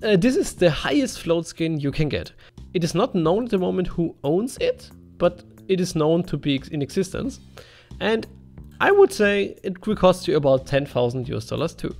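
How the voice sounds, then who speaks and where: A man's voice: a little high, expressive, normal speed, darkish tone, faint music behind. A man from Germany with a German accent, giving an informal voice-over commentary as a video creator. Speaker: video creator narrating a game item list. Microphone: voice-over over game footage.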